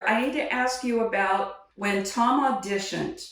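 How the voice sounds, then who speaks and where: A woman's voice: mid-range voice, measured pace, a bit bright. A woman interviews an old colleague and chimes in with short exclamations. Her voice is in the middle of the range. The recording is roomy and distant, with heavy echo. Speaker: interviewer and former cast member. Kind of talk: casual reminiscing chat. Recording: echoey room, voice from off mic.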